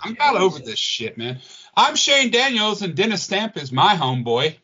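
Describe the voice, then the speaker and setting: Male co-host, higher voice, swings in pitch a lot, blunt talker, muffled lo-fi sound. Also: very animated, brisk, a bit bright, husky. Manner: blunt, swearing, easygoing. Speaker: podcast co-host. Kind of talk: casual podcast chat. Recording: dull lo-fi audio.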